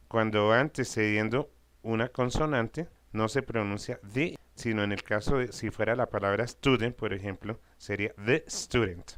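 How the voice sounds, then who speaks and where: A man teaching a recorded English lesson for Spanish speakers, explaining slowly and carefully and repeating example phrases. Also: fairly low pitch, a bit bright, clear, resonant tone, no room sound.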